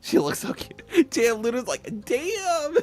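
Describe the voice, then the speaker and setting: A man's voice: very high voice, sing-song, unhurried, darkish tone, faint music behind. A man streaming a story game, reading it aloud with giggly, chatty asides.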